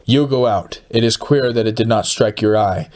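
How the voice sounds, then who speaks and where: A man reads out a low-voiced scheming schemer in a storybook, talking fast and sinister as he gloats over his plot. The voice sits on the low side and sounds excited and conspiratorial. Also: lightly acted. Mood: excited, insistent. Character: scheming, gloating poor middle-aged man plotting a crime.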